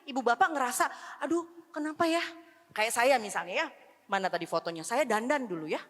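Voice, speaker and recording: A woman preaching a revival sermon, emotional, swinging between loud pleas and hushed tones, mixing in English words. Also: on the high side, animated, fast talker. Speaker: seminar speaker. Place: church hall. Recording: long hall reverb.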